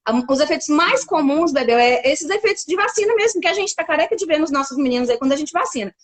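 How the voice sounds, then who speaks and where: Brazilian woman doctor, high voice, patient and explanatory, restarts a lot. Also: animated, fast. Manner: explains carefully, with many fillers and restarts. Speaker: pediatric doctor. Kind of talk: casual explanatory interview.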